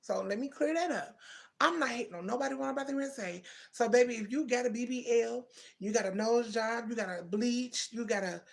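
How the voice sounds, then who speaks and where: Brisk and creaky, with a fairly high pitch, a woman in her thirties talks straight to her livestream audience in a casual chat. She replies to their comments and calls them "baby" and "twin."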